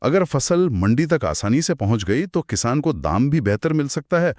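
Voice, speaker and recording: A man's voice: mid-range voice, big pitch swings, moderate pace, a little mellow, dry recording, clean studio sound. A man co-hosting a scripted explainer chat, explaining details patiently. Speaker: co-host.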